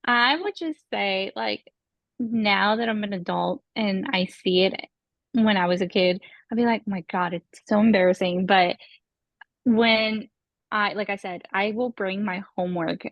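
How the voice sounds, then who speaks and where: A young woman telling stories in a casual podcast interview, excitable and chatty, acting out quoted dialogue. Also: medium pitch, a little slow, no room sound, muffled recording. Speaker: podcast guest, former program participant.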